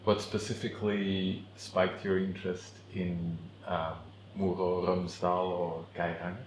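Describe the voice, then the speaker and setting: A man's voice: sits low, flat delivery, measured pace. A man asking interview questions tentatively, with fillers. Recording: distant mic in echoey room with noise.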